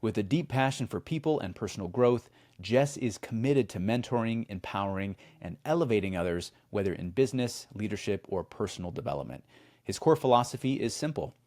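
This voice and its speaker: A lower-voiced man co-hosting a podcast, relaxed in banter but brisk and upbeat when reading the promo. He sounds like a practiced announcer reading a guest bio. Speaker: podcast co-host. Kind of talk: casual chat and read-out show promo.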